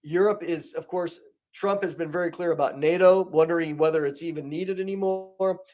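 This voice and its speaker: Animated man with a higher voice. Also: moderate pace. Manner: animated, many restarts, rising emphasis. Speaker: guest commentator on prophecy. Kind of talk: conversational commentary.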